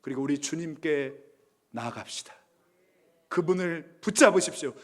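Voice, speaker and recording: A male pastor preaching a dramatic sermon, swinging from hushed near-whispers to loud, emphatic appeals, in a church sanctuary. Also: on the high side, animated, normal speed.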